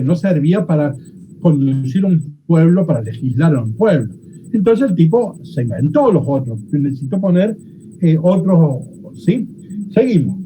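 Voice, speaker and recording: A Bible teacher lectures in a lively way, and the voice swings widely in pitch as ideas are explained. The tone is very dark and mellow. Short questions to the class come up often, and faint room ambience sits behind the voice. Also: a little hiss or hum, rough recording. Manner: explanatory, often checks understanding with quick questions.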